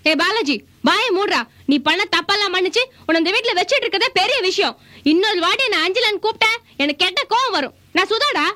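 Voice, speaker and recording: A very high-voiced young woman, pleading. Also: expressive, fast talker, bright, forceful tone, dry recording, heavily acted. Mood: indignant. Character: young woman claiming a dead woman's spirit. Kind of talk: comedy TV serial acting.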